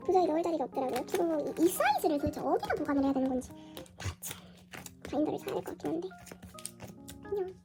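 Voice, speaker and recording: A woman unboxing an album in a casual vlog, her hoarse voice run through a pitch-raising voice changer, gushing and squealing often. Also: big pitch swings, fast, long pauses, loud music behind the voice. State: hoarse from illness. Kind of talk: casual excited unboxing chat.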